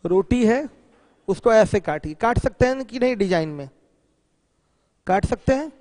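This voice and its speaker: A man's voice: sits high, lively intonation, unhurried, darkish tone, dry recording, clean studio sound, long reverb tail. A man teaching a geometry lesson who keeps asking students questions, answers them himself, and mixes English terms into his explanations. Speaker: math teacher.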